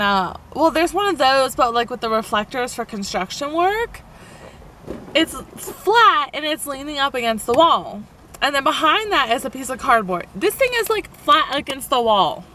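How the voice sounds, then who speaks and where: A young woman with a high, bright-sounding voice rambles through a story for her vlog, animated and full of fillers. A faint hum of vehicle noise sits behind her. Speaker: van life vlogger. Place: inside a parked camper van.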